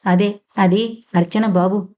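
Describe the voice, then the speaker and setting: A woman's voice: medium pitch, steady tone, slow pace, a little mellow, close to an everyday voice. Woman reader as middle-aged son, hesitant, remorseful, audiobook. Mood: subdued. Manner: hesitant, subdued.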